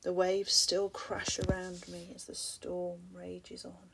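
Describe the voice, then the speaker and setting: A woman reads rhyming spoken-word poetry softly and slowly, her fairly low, monotone voice often sinking to a breathy half-whisper. Now and then she turns to pose reflective questions to the listener, over a noisy background.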